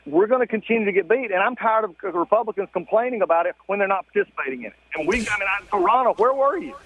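A man calling in to a political radio show from a car stopped at the roadside. He talks quickly and emphatically with frequent restarts, and his phone line is muffled, as if he were in a tunnel. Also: high-pitched, dry recording. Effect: muffled phone line that sounds like he is in a tunnel.

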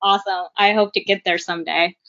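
A woman's voice: mid-range voice, fairly even intonation, quick pace, sharp tone. A woman hosting a podcast, thanking her guest and closing the episode in an upbeat way. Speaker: podcast host. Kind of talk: podcast sign-off. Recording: dull lo-fi remote audio.

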